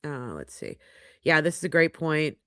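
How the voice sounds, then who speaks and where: Reading live chat during a casual livestream, this middle-aged podcast host is stuffy and sniffly but speaks frankly. She has a deep, sing-song voice at normal speed with a fairly bright tone. Recorded on a studio microphone in her home podcast studio, the sound has no echo.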